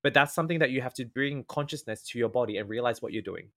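Talking fast, a former event MC from Australia appears as a guest on a casual podcast interview, patiently and earnestly explaining his tips one point at a time. His voice carries a slight nasal edge and sits squarely mid-range for a man.

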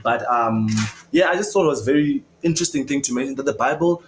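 A man's voice: medium pitch, fast talker, slight background noise, low-quality recording. A young man co-hosting a casual faith podcast, talking earnestly and rambling with many fillers. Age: young adult. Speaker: podcast co-host.

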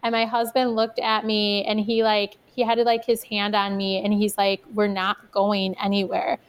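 A young adult woman with a clear, resonant, medium-pitched voice tells her own story as a podcast guest, speaking at a moderate pace with a level tone. It's casual, chatty storytelling, filled with lots of "like".

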